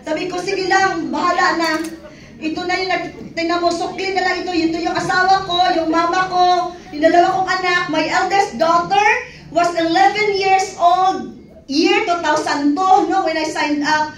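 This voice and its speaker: High-voiced woman telling her story in a hall. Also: normal speed. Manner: animated storytelling with laughs and acted quotes. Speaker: testimony speaker. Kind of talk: personal testimony to an audience. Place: event hall. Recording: echoey hall from far off, audience faintly behind.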